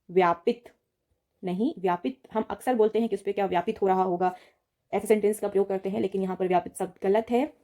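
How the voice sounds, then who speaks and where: A woman teaching an exam-prep Hindi spelling lesson, patiently repeating each word and often checking in with her students. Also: mid-range voice. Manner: addresses students directly, steady explaining tone.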